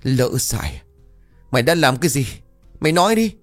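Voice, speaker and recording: A man voicing a furious, scheming old village landlord who shouts and rages at his son. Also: sits low, big pitch swings, a little fast, faint music behind. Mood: enraged. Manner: shouting and raging.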